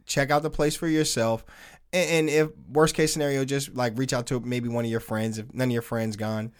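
A relaxed male podcast co-host with a mid-range voice, speaking loosely and conversationally. He swears casually and keeps things light. He talks straight into a podcast mic during a live stream. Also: mid-range voice, moderate pace, clean tone. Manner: loose, laid-back and chatty, with casual swearing. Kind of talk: casual chat.

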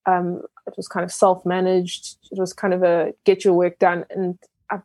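A young adult woman from Ghana who runs her own business is interviewed as a guest, speaking in a low, monotone, dark-toned voice at a moderate pace. She reflects with frequent fillers and restarts, and the recording has no echo.

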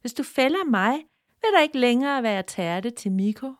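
A woman's voice: fairly high pitch, expressive, dry recording, studio quality, pitched above the performer's own voice, close to an everyday voice. A woman voicing a talking cherry tree that coaxes and persuades. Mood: coaxing. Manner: coaxing, persuasive.

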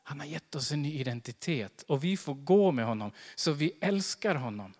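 Male pastor, sermon; high, lively delivery, acts out scenes; long church reverb. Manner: animated, acts out little scenes and quotes scripture. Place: church hall.

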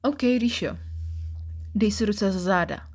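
A woman's voice: mid-range voice, darkish tone, lightly acted. A woman reading the part of a strict, commanding female office boss, giving clipped, stern orders.

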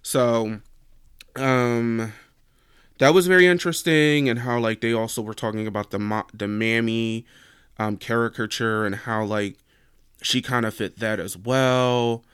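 A man's voice: mid-range voice, fairly even intonation, unhurried, fairly bright tone, smooth, no room sound, clean studio sound. A young American man hosting a podcast on his own, chatting casually and rambling with lots of "like" fillers. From United States. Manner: rambling, heavy use of "like" fillers. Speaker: podcast host. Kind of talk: casual solo podcast chat.

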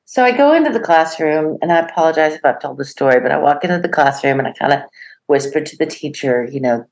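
A middle-aged woman co-hosting a podcast, telling a story in a lively way and acting out the voices of the people in it. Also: deep voice, fast talker. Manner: animated storyteller, acts out quoted voices, laughs often. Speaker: podcast co-host. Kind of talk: casual storytelling chat.

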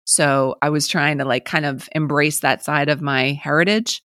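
A woman co-hosting a podcast, telling travel stories in an enthusiastic, expressive casual chat. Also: low-pitched, moderate pace, no room sound, clean studio sound. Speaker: podcast co-host.

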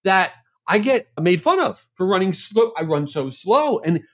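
A male podcast host telling a story in a casual monologue, animated, with mock exasperation. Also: high voice, unhurried.

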